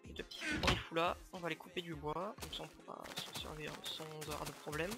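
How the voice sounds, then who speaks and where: Chatty young French gamer, loud music behind. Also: male voice, on the high side, a little fast, gravelly. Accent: northern French. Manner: chatty, self-mocking, with bursts of excitement and muttered asides. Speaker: gamer commentating his play. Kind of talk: casual gameplay commentary. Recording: home mic with loud game music behind.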